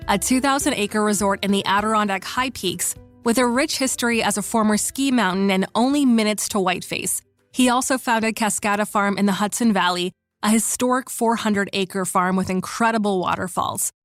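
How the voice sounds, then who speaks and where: A woman hosts a podcast interview, bubbly and quick to laugh. Her voice is recorded close and dry, with faint music underneath. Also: mid-range voice, dry recording. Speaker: podcast host.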